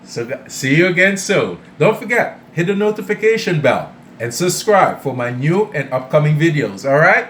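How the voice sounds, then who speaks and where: A man's voice: a little high, sing-song, normal speed, hardly any pauses, a bit bright, slight background noise. A man hosting a casual cooking vlog from his home kitchen, chatting straight to his viewers and often checking in with them. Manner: chatty, addresses viewers directly, often tags "all right?". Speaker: cooking channel host. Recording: echoey room.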